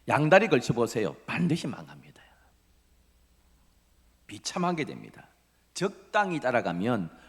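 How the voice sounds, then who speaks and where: A middle-aged man from Busan with a Busan accent, preaching a dramatic sermon that swings from loud emphasis to breathy whispers. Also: mid-range voice. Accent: Gyeongsang (Busan) Korean. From Busan, South Korea. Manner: dramatic preaching, drops to breathy whispers, acts out quoted voices. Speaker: pastor. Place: church sanctuary. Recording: long reverb of a church hall.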